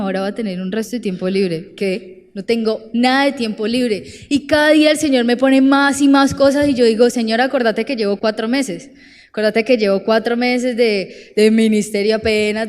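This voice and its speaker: Young Colombian woman preaching, high voice. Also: in a large hall. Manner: animated, direct, acts out quoted voices. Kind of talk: sermon. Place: church.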